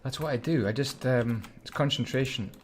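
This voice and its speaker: A man's voice: mid-range voice, moderate pace, a little hiss or hum. Scottish man, easygoing build commentary, mid-range voice, mutters and hums between thoughts. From Scotland. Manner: chatty, hums and mutters while concentrating. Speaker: Minecraft YouTuber.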